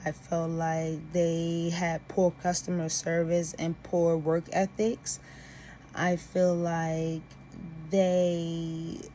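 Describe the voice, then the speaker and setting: A woman's voice: fairly low pitch, dark tone, a little hiss or hum. A woman venting about personal grievances to camera in an emphatic, aggrieved way.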